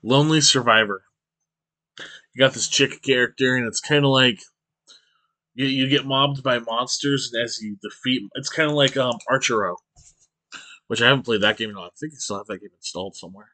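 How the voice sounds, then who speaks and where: Brisk, bright and forceful, this medium-pitched man chats on a morning stream despite poor audio. He's sleepy and yawning, rambling hesitantly with plenty of fillers and restarts, indoors at home among boxes of cards.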